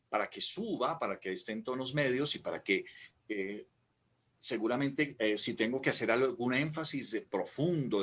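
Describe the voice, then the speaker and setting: A man's voice: a bit bright, slightly rough. A man co-hosting an oral expression workshop on a video call, explaining patiently and acting out examples. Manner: explanatory, demonstrates preachy high and sleepy low voices. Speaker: workshop co-host. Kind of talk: casual teaching over a video call.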